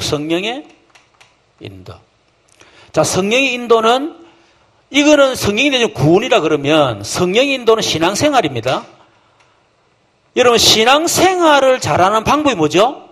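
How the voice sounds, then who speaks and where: A male pastor giving a lively, folksy sermon full of rhetorical questions, acting out voices of believers and children. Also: sits high. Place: church camp hall.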